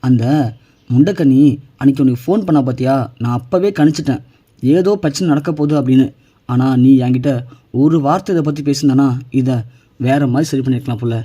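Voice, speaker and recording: A man's voice: mid-range voice, fairly quick, dark tone, husky, lightly acted. A man reading the lines of a kindly older woman comforting a younger one, in his own plain voice. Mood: consoling. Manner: soothing, reassuring.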